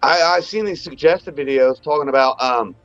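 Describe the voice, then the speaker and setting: On a podcast, a male co-host with a slightly high voice rambles through crude, casual chat at a moderate pace, often trailing off and restarting his sentences. There's no room sound, though the audio is a bit dull and muffled with faint music underneath.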